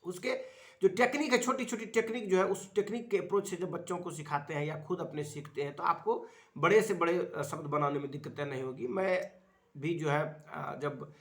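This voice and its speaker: A man teaching a child spelling in a home lesson, coaxing patiently and repeating his prompts, his explanations halting and full of filler sounds. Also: fairly high pitch, fairly bright tone.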